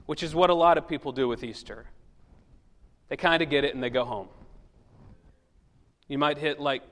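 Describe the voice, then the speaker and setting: The pastor's pitch is fairly high and his tone fairly bright, and he moves at a normal speed. Preaching in a large, echoing church hall, he narrates with humor and acts out the people in the story.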